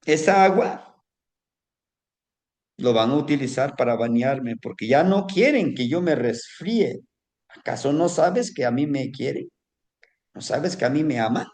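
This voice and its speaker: A man voicing a smug, vain young male pig in a told folk tale, who turns to shrill pleading when caught. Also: expressive, measured pace, pauses often, darkish tone.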